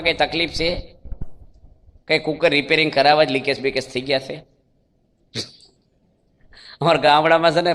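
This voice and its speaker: A man's voice: on the high side, fairly bright tone. A man giving a sermon, telling stories with quoted dialogue and asking rhetorical questions. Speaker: swami giving a religious discourse. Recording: long hall reverb.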